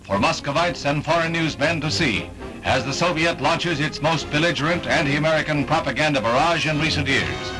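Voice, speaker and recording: A man's voice: on the high side, moderate pace, poor audio. A man narrating an old newsreel in an emphatic, dramatic announcing manner. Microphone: studio voice-over. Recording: narration over loud orchestral music.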